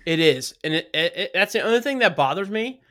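Man, casual podcast host, bright forward voice, rambling talker. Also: high voice, animated, fairly quick. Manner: rambling, repeats himself, laughs often. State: recovering from covid, no smell. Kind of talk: casual chat.

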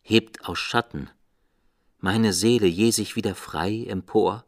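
A man's voice: on the low side, slow pace, no room sound, studio quality. A man giving a dramatic, declamatory recitation of a poem in a theatrical manner.

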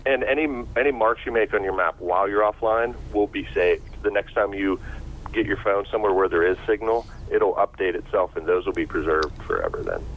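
A man heard over a phone line, explaining a topic patiently, step by step. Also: deep voice. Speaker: guest expert. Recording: dull phone line, faint noise.

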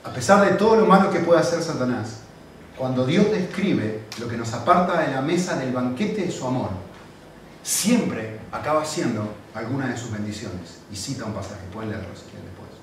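A man's voice: mid-range voice, normal speed. Echoey preacher man in a big hall. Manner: animated storytelling with acted quotes. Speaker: pastor. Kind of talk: sermon. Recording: very echoey hall, distant mic, faint noise.

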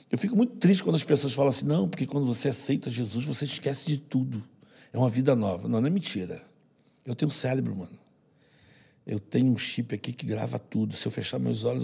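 In an emotional interview, a man who works with children recounts personal stories in earnest slang, repeating words for stress, with a Brazilian Portuguese accent. His voice is medium-pitched, creaky, a little mellow, with a breathy edge.

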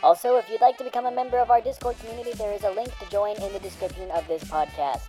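A woman voicing a spaceship captain giving a cabin announcement to passengers, in a formal announcer's delivery. Her voice is low, mellow and warm, and she reads quickly. Soft music plays behind her. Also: fairly even intonation, close to an everyday voice. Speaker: outro announcer. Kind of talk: scripted outro read as a captain's cabin announcement.

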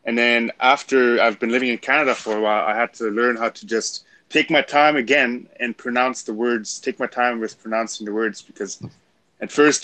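A man from Germany in a casual chat, friendly and encouraging, sometimes halting. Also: mid-range voice, a bit bright, no echo.

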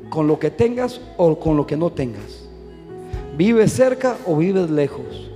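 A man with a fairly high voice preaches with fervor, hammering repeated phrases. His voice rings out with a long reverb in a large church hall, with soft music underneath. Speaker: pastor. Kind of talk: sermon.

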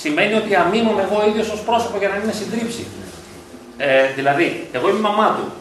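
A man with a slightly high voice gives a reflective lecture to parents and often asks them rhetorical questions. He is recorded from a distance in a school hall with heavy echo. Faint noise sits under his voice. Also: a bit bright. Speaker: psychologist. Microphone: distant from the mic. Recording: echoey hall from far off.

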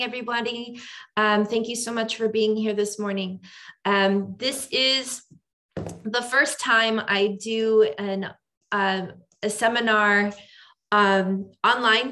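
Her voice fairly high-pitched and a touch bright, a woman immigration attorney presents a bilingual online seminar. She switches between Spanish and English, says um often, and is picked up by a video call microphone at home.

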